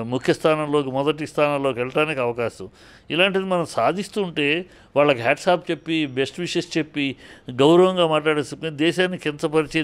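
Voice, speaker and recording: A man's voice: on the high side, clear, resonant tone. A man giving heated spoken commentary in an interview, scolding and indignant, firing off rhetorical questions and often restarting his sentences.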